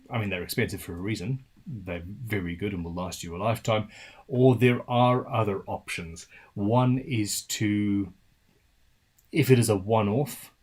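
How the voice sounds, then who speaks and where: A British man hosting a casual live-stream Q&A about guitar building, reading viewer questions aloud and answering in a loose, chatty way with trailing restarts. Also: on the low side. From United Kingdom.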